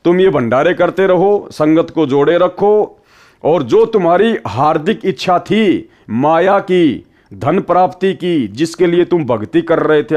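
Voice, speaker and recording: A man's voice: fairly high pitch, darkish tone. A man preaching a devotional sermon in an earnest, admonishing way, retelling a parable. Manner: earnest, admonishing, acts out quoted voices in a story.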